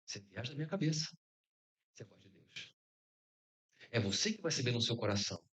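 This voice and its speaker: A man's voice: medium pitch, animated, fairly quick, a bit bright. A middle-aged man with a Brazilian Portuguese accent giving an informal conference sermon, joking and tossing out rhetorical questions. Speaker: conference speaker.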